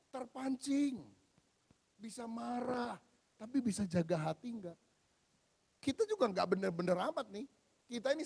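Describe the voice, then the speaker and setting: A male pastor preaching a sermon, telling stories with animated swings from loud to hushed. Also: high voice, creaky, husky. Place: large church hall. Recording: long hall reverb.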